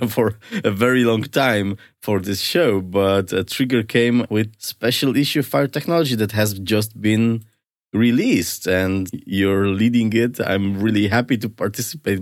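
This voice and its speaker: A man's voice: on the low side, no echo, studio quality. An upbeat, enthusiastic man speaking as the host of an interview podcast.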